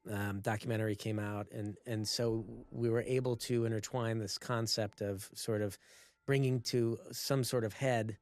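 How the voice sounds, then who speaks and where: Measured man thinking aloud. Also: fairly low pitch, steady tone, dry recording. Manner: measured, thinking aloud with many "you know"s. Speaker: director. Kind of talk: DVD commentary chat.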